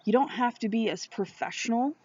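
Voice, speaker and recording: A woman's voice: a little high, a little fast, darkish tone, husky, dry recording. A woman talking casually and candidly to her vlog viewers, outdoors. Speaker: vlogger. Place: outdoors on a windy day. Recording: dull, lo-fi outdoor recording.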